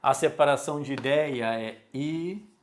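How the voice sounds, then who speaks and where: A man's voice: a little high, moderate pace. A man, teaching a recorded exam-prep lesson and repeating key words for emphasis.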